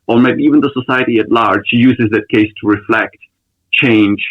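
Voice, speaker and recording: A man from the Republic, a lawyer answering interview questions in a thoughtful, measured way with frequent ums. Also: mid-range voice, steady tone, no room sound, phone-quality sound. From Czech Republic. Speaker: lawyer guest.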